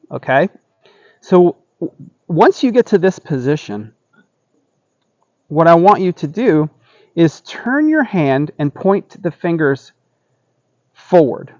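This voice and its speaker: A man's voice: fairly high pitch, a little mellow, dry recording, muffled recording. A middle-aged man giving casual step-by-step tai chi instruction, explaining and often checking in as he goes. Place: outdoor wooden deck by trees.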